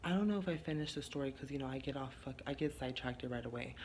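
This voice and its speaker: A sassy man rambles casually to his viewers, filling his sentences with fillers and blunt asides. His voice is gravelly with a steady fry, set at an average pitch. A faint hiss of background noise sits under it. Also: rapid-fire. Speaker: vlogger. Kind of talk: casual vlog talk to camera. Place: his garage.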